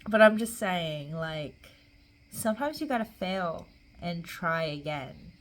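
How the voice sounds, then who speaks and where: A woman's voice: on the low side, expressive, slow pace, rough recording. A young adult woman in a casual, rambling solo chat, talking in a loose, tipsy, giggly way and trailing off mid-thought. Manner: tipsy, loose, meandering drunk talk. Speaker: vlogger.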